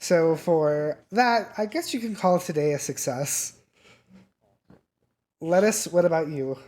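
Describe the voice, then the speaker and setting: A game master narrating a homebrew tabletop session in a loose, casual way. The narration stops often for fillers and restarts, and the pitch sits in an ordinary middle range. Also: a little mellow. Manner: casual, halting, full of fillers.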